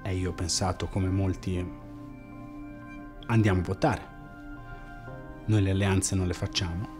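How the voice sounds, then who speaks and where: A man playing a disillusioned former party member in a mockumentary interview, recounting events in a flat, matter-of-fact way. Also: low-pitched, measured pace. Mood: deadpan. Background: background music.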